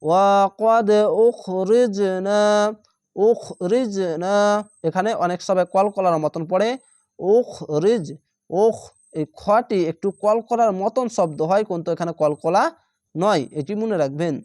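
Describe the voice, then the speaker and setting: A man at a moderate pace, his high voice a little mellow, teaches learners to read the Quran by patiently spelling out each Arabic letter and syllable. He repeats syllables methodically and draws out the long vowels, recorded in studio quality without echo.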